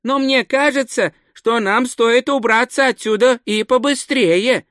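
A man's voice: very high voice, measured pace, fairly bright tone, no room sound, studio quality, pitched above the performer's own voice. A man voicing Twoflower, a meek, polite little male tourist who speaks naively and carefully in a storybook reading. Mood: musing.

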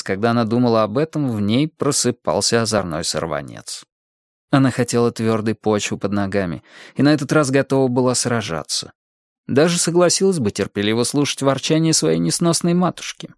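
A man reading a novel aloud in a measured, even narration. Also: medium pitch, no echo, clean studio sound. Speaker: audiobook narrator. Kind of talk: scripted narration.

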